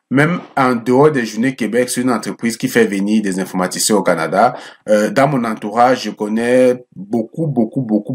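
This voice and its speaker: A man's voice: mid-range voice, husky. A man walking viewers through a job application site in a chatty screen-share tutorial, often repeating himself and checking in with them. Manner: chatty, repeats words, calls viewers friends; checks in with frequent "ok?". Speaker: immigration advice YouTuber.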